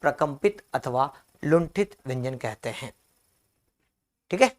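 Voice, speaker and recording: Using a mid-range voice with lively intonation, a male Hindi teacher runs a live grammar class online. He asks questions and answers them himself, saying key terms slowly and repeatedly for students to note down.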